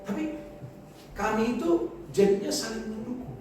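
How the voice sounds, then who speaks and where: A man's voice: extremely high pitch, animated, moderate pace, noisy background. A middle-aged man from Indonesia, a pastor preaching a sermon in a casual, conversational way with chuckling asides. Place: large church hall. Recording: echoey hall heard from far off.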